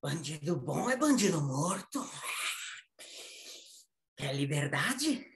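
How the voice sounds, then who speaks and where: A man's voice: a little high, sing-song, takes it slowly, vocal fry, heavily acted. A man playing a mocking reactionary man who taunts with scornful repeated questions, over a video call. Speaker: theatre workshop participant.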